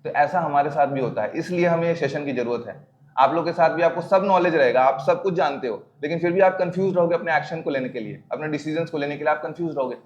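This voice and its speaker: A man's voice: on the high side, fast talker, dull audio. A man giving a spiritual talk to a youth group, speaking in a conversational way, mixing in English words and asking the crowd questions. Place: gathering with a crowd present. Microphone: microphone on a sound system.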